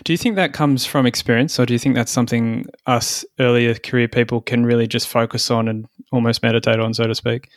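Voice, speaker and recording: A man's voice: mid-range voice, level tone, brisk, hardly any pauses, dry recording, clean studio sound. A young adult man hosting a podcast, asking questions in a friendly, curious way during a casual interview. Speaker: podcast host.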